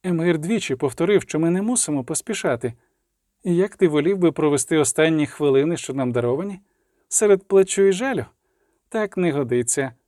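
A man's voice: fairly high pitch, expressive, a little fast, warm tone, no room sound, studio quality, natural voice. A man voicing a purring, teasing sorceress. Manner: purring, playful. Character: teasing, sensual adult sorceress woman.

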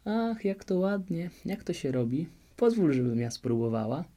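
A man voicing a curious, excitable young princess who asks eager, breathless questions, read in a fairy-tale storybook. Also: on the high side, moderate pace, pitched above the performer's own voice. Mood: eager wonder.

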